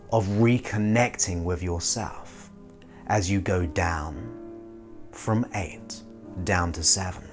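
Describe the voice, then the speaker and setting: Male hypnotist, slow soothing countdown, very unhurried, short phrases with pauses, faint music. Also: low voice.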